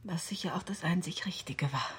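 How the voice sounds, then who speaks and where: An actress playing a lonely, uneasy middle-aged woman in a 1960s radio drama, speaking softly and often in a breathy whisper. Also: mid-range voice, lively intonation, moderate pace. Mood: tender uneasy. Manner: soft and gentle.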